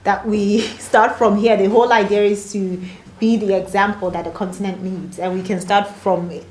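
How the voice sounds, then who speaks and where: A woman's voice: medium pitch, flat delivery, normal speed, darkish tone. A woman moderating a panel discussion, speaking earnestly and with conviction, often repeating words. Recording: echoey room, faint noise.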